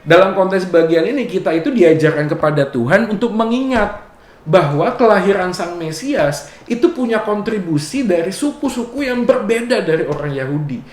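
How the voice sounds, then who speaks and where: A man giving a relaxed, conversational Bible exposition sermon, joking often and adding "ya" after his phrases. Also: high-pitched, moderate pace, echoey room. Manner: casual and joking, often adds "ya". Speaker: preacher.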